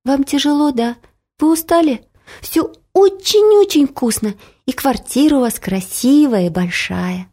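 A woman's voice: high-pitched, measured pace, pitched above the performer's own voice. A woman doing a sly, sugary little girl. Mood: flattering. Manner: sugary, flattering.

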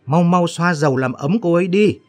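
A man reading a story, voicing a worried young man who calls out loudly. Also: fairly high pitch, a little slow, soft background music, close to an everyday voice. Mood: urgent.

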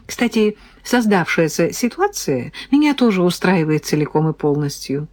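A woman's voice: fairly low pitch, big pitch swings, moderate pace, darkish tone. A woman reading a novel aloud in first person, with a wry, ironic storytelling manner. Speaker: audiobook reader. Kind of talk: scripted first-person narration.

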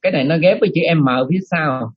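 Monk teacher, slightly raised pitch, husky, patient explainer, lo-fi call audio. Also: male voice, racing, no echo. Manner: explains patiently, repeats key sounds. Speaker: monk teaching Pali chanting. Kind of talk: online class instruction.

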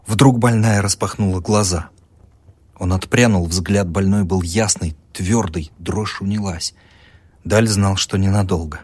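Man, audiobook narration, deep voice, husky, measured, expressive.

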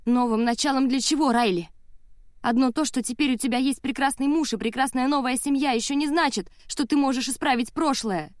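A woman's voice: sits high, brisk, no room sound, studio quality, voice pushed up, natural voice. A woman reading an audiobook in the first person, voicing a heated, defiant young woman who raises her voice in confrontation. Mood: bitter. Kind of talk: audiobook character voice.

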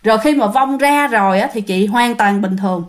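A woman with a Southern Vietnamese accent telling a ghost story in a chatty, drawn-out way, often addressing her listeners. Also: on the high side.

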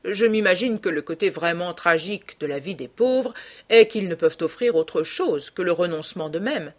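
A woman's voice: lowish voice, lively intonation, moderate pace. A woman voicing a cynical, witty aristocrat. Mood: amused, languid. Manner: languid, epigrammatic, lightly mocking. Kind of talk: audiobook character reading.

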